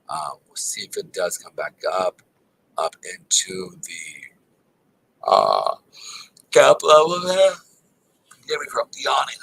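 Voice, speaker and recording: A man's voice: low-pitched, pushed and bright, a little hiss or hum, low-quality recording. A man giving live market chart commentary in a casual, filler-heavy way, calling his viewers guys, tired and with a sore throat. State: tired and exhausted; throat not feeling well. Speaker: crypto charting analyst.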